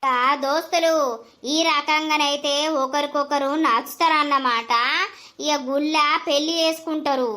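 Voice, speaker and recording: A woman with a Telangana accent narrating an animated village story, chatting directly to viewers. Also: high-pitched, a little slow. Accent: Telangana Telugu.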